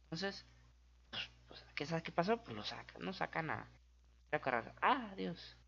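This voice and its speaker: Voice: medium pitch, big pitch swings, normal speed, vocal fry, bright, forceful tone, breathy edge, lo-fi sound. A speaker with a Mexican accent explaining history in a casual, goofy way, adding sound effects and correcting themself along the way. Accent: Mexican Spanish.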